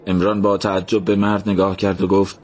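A man narrating a story in a slow, measured, somber reading. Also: deep voice, little pitch movement, darkish tone.

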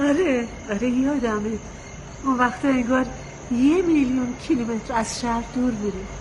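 An actress playing a patient wife who gently pleads with her husband to calm down. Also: a little high, noisy background, close to an everyday voice. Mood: soothing.

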